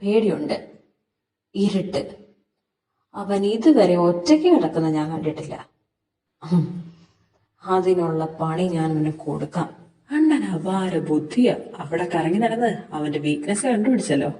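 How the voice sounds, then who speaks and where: A woman's voice: on the low side, animated, unhurried, long pauses, dark tone. A woman playing a sly scheming young man. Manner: sly, conspiratorial. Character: scheming young man plotting a cruel prank. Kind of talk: fan audio drama acting. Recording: roomy, distant amateur recording.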